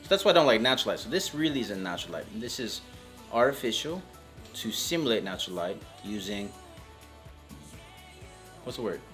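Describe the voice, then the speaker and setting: A man's voice: fairly low pitch, very animated, fairly quick, long pauses, fairly bright tone, faint music behind. A man hosting a photography vlog from a studio, joking and teasing in a casual way. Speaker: photographer and channel host. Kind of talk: casual behind-the-scenes vlog chat.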